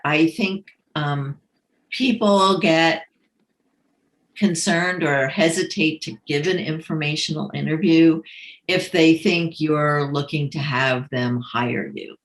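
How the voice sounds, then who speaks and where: A woman speaks with a New York accent in a low voice. She is a career coach talking slowly and easily in a live question-and-answer session, with a lot of ums. The sound carries a noticeable room echo. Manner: relaxed and conversational, frequent ums.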